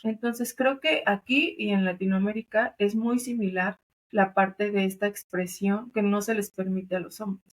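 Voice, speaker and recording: A woman's voice: mid-range voice, fairly even intonation, unhurried. A woman with a Mexican accent, a doula and thanatologist, explaining earnestly in a conversational interview, with many fillers and tag questions. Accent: Mexican Spanish. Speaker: doula and thanatologist, podcast guest.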